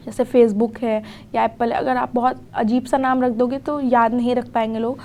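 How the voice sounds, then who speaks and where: A woman's voice: a little high, flat delivery, mellow, slight background noise. Young woman teaching a recorded lecture. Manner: explains in Hindi, reads English definitions slowly, often adds "theek hai".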